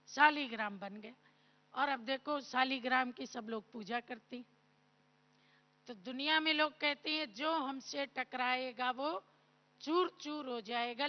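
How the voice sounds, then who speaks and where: A high-voiced woman preaches at an unhurried pace, telling a story in a soft, gentle way and acting out the people in it. Her voice is dull and lo-fi and rings with the long reverb of a big hall. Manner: slow, gentle, storytelling with acted quotes. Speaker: spiritual teacher. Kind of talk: devotional sermon with storytelling. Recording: dull lo-fi recording in a large hall.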